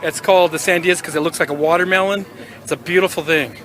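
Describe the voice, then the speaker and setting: A man's voice: a little high, fairly even intonation, quick pace, fairly bright tone. Friendly local man giving directions. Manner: friendly, points out local sights. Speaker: local interviewee. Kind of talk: casual chat. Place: outdoors in a city street.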